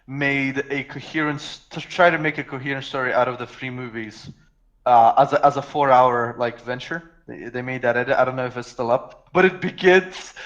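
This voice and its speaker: A man's voice: medium pitch, steady tone, moderate pace, a bit bright, lo-fi sound. A man from Russia in casual podcast chat, rambling and joking with swearing and frequent restarts. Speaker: podcast co-host.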